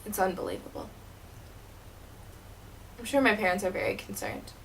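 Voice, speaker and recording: A woman's voice: mid-range voice, huge pitch swings, gravelly, a little hiss or hum, rough recording. A woman playing a wounded teenage girl. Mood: hurt, bitter. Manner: bitter, hurt, halting with repeated words. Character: wounded, wry teenage girl, former child stage performer. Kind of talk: dramatic stage monologue.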